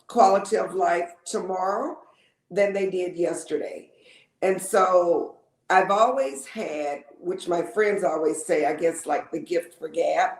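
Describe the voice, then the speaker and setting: A woman, chatting as an interview guest, repeating words and filling pauses with ums. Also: on the low side, a little mellow, echoey room. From Lake Charles, Louisiana. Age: 50s. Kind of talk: casual interview storytelling.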